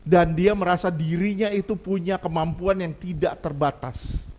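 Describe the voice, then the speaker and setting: High-voiced preacher man, animated delivery. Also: normal speed. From Indonesia. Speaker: pastor. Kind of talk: sermon.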